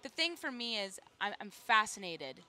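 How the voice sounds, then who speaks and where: A young woman in casual courtside chat, animated and chatty, telling stories about her work. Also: mid-range voice. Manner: animated, chatty, quick to laugh. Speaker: sideline reporter. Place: arena courtside.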